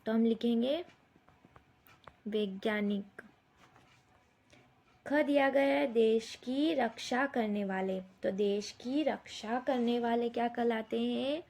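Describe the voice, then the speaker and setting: A woman teacher, slowly dictating answers word by word to young schoolchildren, repeating each question. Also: on the high side, gravelly, darkish tone. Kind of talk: slow dictated Hindi lesson for young children.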